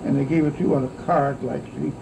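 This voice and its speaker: Against a noisy recording with a constant insect-like hum, an American grandfather in his 90s or beyond casually reminisces about his wartime childhood for an oral history. His old, creaky voice is medium in pitch, and he rambles and halts, frequently adding "see" to his thoughts.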